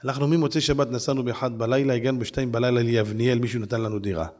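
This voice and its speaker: A man preaching a storytelling sermon with lively, exclaiming delivery and direct appeals to his listeners. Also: medium pitch. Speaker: yeshiva preacher.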